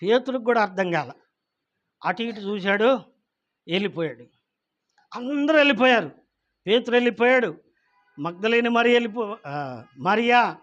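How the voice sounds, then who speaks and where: A man gives a sermon in a high voice. He keeps turning to the congregation with questions and acts out the people in the story he tells. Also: fairly bright tone, lo-fi sound. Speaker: pastor.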